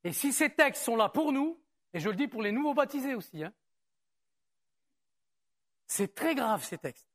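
A man preaching in a church service, with the easy and conversational manner of a pastor talking straight to his people. He peppers the sermon with rhetorical questions. He turns slower and more measured when he reads a passage aloud. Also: extremely high pitch, very animated, fairly bright tone.

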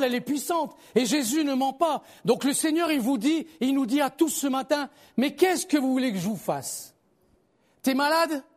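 A man preaches with animated, everyday conversational energy. He moves back and forth between loud exhortations to the audience and subdued, low-voiced asides.

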